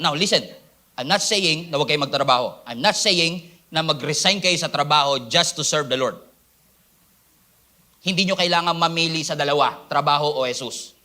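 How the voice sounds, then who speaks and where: A man preaching with a high, bright voice. He calls out questions to his congregation and slips into quick quoted voices to act out people's excuses. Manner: asks the congregation for responses. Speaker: pastor. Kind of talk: sermon.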